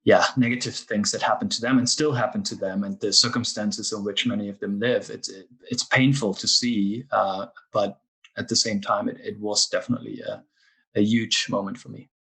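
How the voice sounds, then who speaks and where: His voice is lowish, creaky and a bit bright with a breathy edge, steady and moderately paced. He's an East German man in his forties with a German accent, a music industry executive talking frankly and sincerely about his own experiences as a podcast guest, captured in a rough recording.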